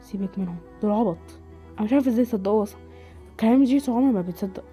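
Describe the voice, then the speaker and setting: A woman with an Egyptian accent voicing a young husband in a hushed, flat, quiet manner. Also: medium pitch, very fast, faint music behind, voice pushed down, close to an everyday voice. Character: young husband, calm and low-voiced.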